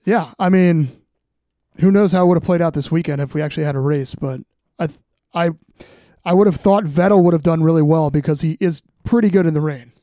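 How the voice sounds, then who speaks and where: A man talks casually about sport as a podcast co-host. His voice sits high for a man, with a mellow tone. The sound is close and dry. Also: fairly quick, no room sound.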